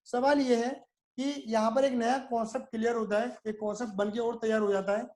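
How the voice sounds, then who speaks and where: In this video lecture, the male commerce teacher sounds very high-pitched and darkish, speaking flatly and fairly quickly. His style is repetitive drilling: he questions his students, supplies the answers, and addresses them as "my son."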